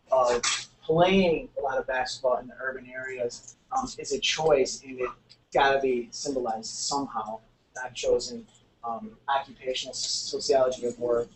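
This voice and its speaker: Heard from a distant mic in an echoey room with faint noise, a sociology instructor lectures his class. His mid-range voice stays fairly even at a moderate pace as he repeats key words and walks through ideas step by step.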